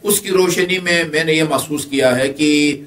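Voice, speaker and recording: A man's voice: a little high, a bit bright, distant mic, a little hiss or hum. A middle-aged man from Pakistan teaching a Hajj training class, explaining step by step with many filler sounds. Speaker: religious teacher.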